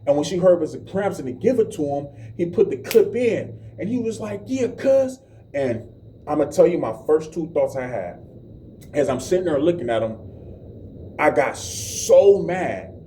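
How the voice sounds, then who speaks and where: A man's voice: lively intonation, normal speed, mellow, recorded from a distance, a little hiss or hum. A man telling his testimony as a vivid street story, playing out each exchange. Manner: vivid street storytelling, acting out quotes in a higher voice. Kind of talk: animated spoken testimony.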